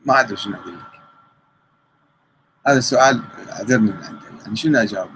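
A man's voice: lowish voice, very fast, fairly bright tone, a little hiss or hum, low-quality recording. A man with an Iraqi Arabic accent answering viewer questions in a live talk, reading them out and rebutting them conversationally.

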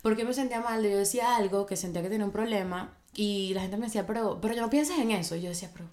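A woman's voice: medium pitch, quick pace, a little mellow. A young woman, co-hosting a casual chat and speaking candidly while acting out the voices she quotes.

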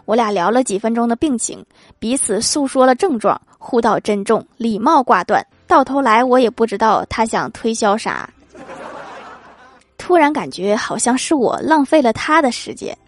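A woman's voice: a little high, lively intonation, normal speed. A woman hosting a comedy show, reading funny anecdotes aloud with acted quotes and chuckling at her own punchlines. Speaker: host.

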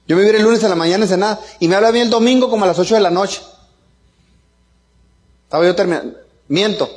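A middle-aged man telling family anecdotes in a seminar talk, colloquial and joking, often tagging lines with quick checks to the audience. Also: high-pitched. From Mexico. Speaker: speaker.

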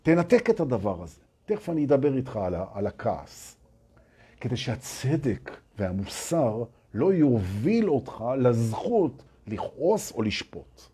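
A man with a very husky, breathy voice delivers a spiritual talk to his audience. His pitch swings up and down as he presses his points. He repeats phrases for emphasis and keeps challenging listeners with questions. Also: very animated, mellow. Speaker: spiritual teacher addressing an audience.

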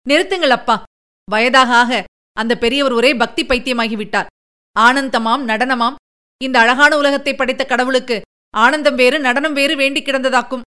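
A woman voicing a spirited, sharp-tongued young princess who argues quickly and indignantly. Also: high voice. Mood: scornful.

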